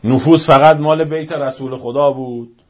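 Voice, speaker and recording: Male speaker, mid-pitched, fiery rhetorical delivery that drops to near-whispers between outbursts. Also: fairly even intonation. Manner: fervent, rhetorical, swings from shouting to near-hushed. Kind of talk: impassioned speech.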